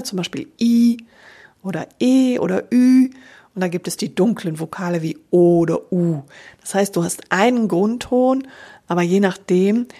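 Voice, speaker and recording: A woman giving a calm, explanatory voice lesson and speaking directly to the listener. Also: on the low side, slightly rough. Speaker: voice coach. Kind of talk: spoken voice lesson.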